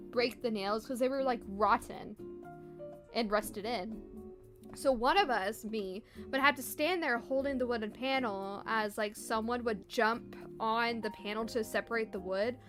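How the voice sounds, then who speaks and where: A woman's voice: on the high side, a bit bright. A young woman streamer telling a long story in casual, rambling chat, full of "like" fillers. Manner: fast rambling, frequent "like" fillers. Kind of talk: casual storytelling while drawing. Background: lo-fi music.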